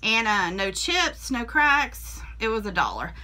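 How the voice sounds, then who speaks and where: In a small indoor room lined with shelves, a woman shows off her flea market finds for a casual vlog, chatting homily with plenty of ums into a camera mic. Her voice sits fairly high and has a sing-song lilt, a slightly slow pace, and a sharp edge.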